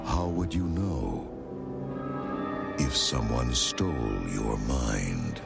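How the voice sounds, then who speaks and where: Grave, menacing film trailer voice: gravelly, crawling pace, heavy ominous score. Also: male voice, rumbling low, lively intonation, very slow, exaggerated voice. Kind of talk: movie trailer narration. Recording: loud scary music behind. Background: loud ominous music.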